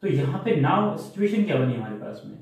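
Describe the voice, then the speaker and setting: Maths teacher in a very echoey room. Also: male voice, mid-range voice, sing-song, brisk, vocal fry, darkish tone. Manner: explains step by step, asks rhetorical check questions. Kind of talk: classroom lecture.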